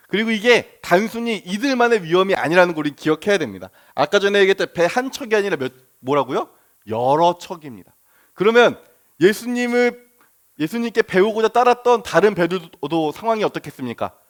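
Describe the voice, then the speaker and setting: A man, a pastor, preaching a sermon in a conversational way, asking the congregation questions and acting out the disciples' words. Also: high voice.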